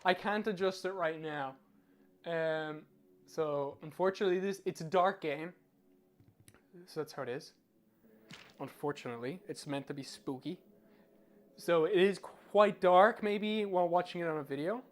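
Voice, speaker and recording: A man's voice: fairly high pitch, normal speed, pauses often. A man giving casual live game commentary as a streamer, chatty, informal and self-deprecating.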